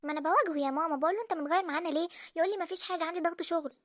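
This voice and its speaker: A woman in her thirties voicing a suspicious, fed-up wife in an Egyptian cartoon, with an Egyptian accent and a sharp, accusing manner. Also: extremely high pitch, racing. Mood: worried. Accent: Egyptian Arabic. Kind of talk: cartoon voice acting.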